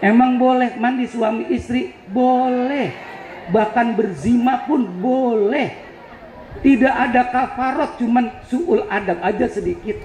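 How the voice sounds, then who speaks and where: A man's voice: very high voice, measured pace, darkish tone, a little hiss or hum. A male preacher telling a joking, teasing story in a sermon. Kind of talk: humorous sermon. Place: event hall on a campus. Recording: echoey hall with faint crowd.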